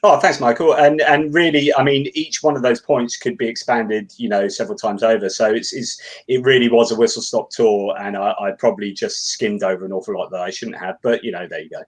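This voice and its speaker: A man's voice: mid-range voice, steady tone, a little fast, hardly any pauses. A man who presented a talk, discussing it casually online, hesitant and repeating words as he thinks aloud. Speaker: guest presenter.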